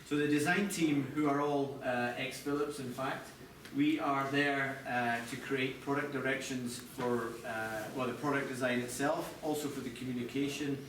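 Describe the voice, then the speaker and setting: Picked up by a distant mic, a middle-aged man from Scotland presents live as chief TV product designer, talking conversationally but hesitantly and restarting often. His medium-pitched, fairly bright voice stays steady at a normal pace with few pauses. The presentation room echoes, an audience is present, and background noise is clearly audible.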